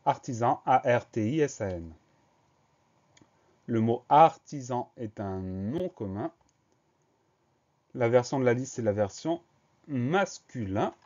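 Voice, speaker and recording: A man's voice: medium pitch, animated, slow pace, pauses often, darkish tone, lo-fi sound. A man teaching a spelling lesson, patiently spelling words letter by letter. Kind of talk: slow dictation lesson.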